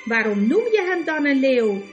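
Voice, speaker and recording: A woman's voice: sits high, very animated, moderate pace, highs cut off, faint music behind. A woman doing a blunt, proud young girl.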